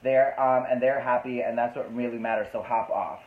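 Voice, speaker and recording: A man's voice: medium pitch, fairly even intonation, brisk, echoey room, phone-quality sound. A man hosting a casual live-stream chat, flamboyant and talkative, reading out viewer comments. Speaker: host. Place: New York City.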